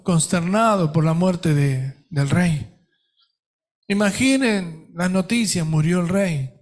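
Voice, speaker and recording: A middle-aged Argentine pastor preaches a sermon in a fairly high voice for a man. He speaks very slowly, leaning on each phrase with emphatic pauses. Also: darkish tone. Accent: Argentine Spanish.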